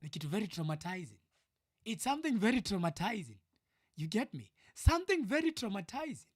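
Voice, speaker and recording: Kenyan man in his twenties, livestream reaction, fairly high pitched, heated and repetitive, dry close sound. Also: dry recording. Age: 20s. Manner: loud, heated and repetitive, often dropping to mutters.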